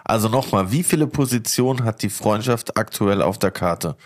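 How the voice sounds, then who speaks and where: A laid-back man with a regional Alemannic-Swabian German accent, co-hosting a casual podcast. His voice sits fairly low, and he drops in slang freely. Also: lively intonation, moderate pace. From southwest Germany. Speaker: podcast co-host. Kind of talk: casual chat.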